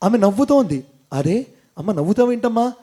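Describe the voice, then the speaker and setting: High-voiced Telugu man telling a devotional story. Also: animated, brisk, mellow, slightly rough. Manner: quizzes the audience, acts out characters' lines. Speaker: spiritual storyteller and motivational speaker. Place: temple hall with audience.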